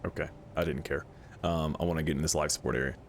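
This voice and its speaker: Man, gaming host, low pitch, irreverent casual commentary, slangy, faint background noise. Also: steady tone, fast.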